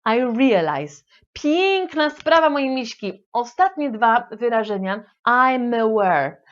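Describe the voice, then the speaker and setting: A woman's voice: on the high side, very animated, takes it slowly, dull audio. A woman teaching English vocabulary in a playful, affectionate manner, with frequent hesitation fillers. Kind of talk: lively language lesson.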